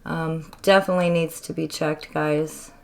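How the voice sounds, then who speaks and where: A woman hosting a spirit box session in a casual, halting and deliberate way, explaining things and putting questions to spirits. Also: low-pitched, steady tone, creaky, darkish tone. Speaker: spirit box session host, self-described medium. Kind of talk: casual narrated demonstration and addressing spirits.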